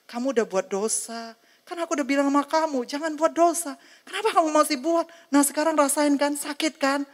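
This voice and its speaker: A woman's voice: sits high, normal speed, pitched above the performer's own voice, lightly acted. A woman preacher voicing God as a stern father who scolds a disobedient child in an insistent, rising voice. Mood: scolding.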